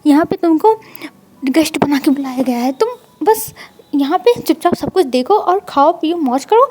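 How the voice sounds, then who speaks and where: A woman voicing a caring, fussy old woman servant who scolds gently in a storybook retelling. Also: high voice, animated, normal speed, slight background noise. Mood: fussing.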